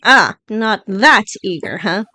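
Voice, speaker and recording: A woman's voice: medium pitch, animated, takes it slowly, pushed and bright, dry recording, heavily acted. A woman playing a wry young male lawyer. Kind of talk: fan voicing of a game.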